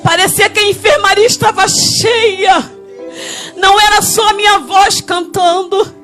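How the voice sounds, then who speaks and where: A woman with a Rio de Janeiro Brazilian accent preaching a fervent testimony sermon in church, rising to tearful shouts. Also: extremely high pitch, steady tone, measured pace, soft background music. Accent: Brazilian Portuguese, Rio de Janeiro. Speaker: guest preacher.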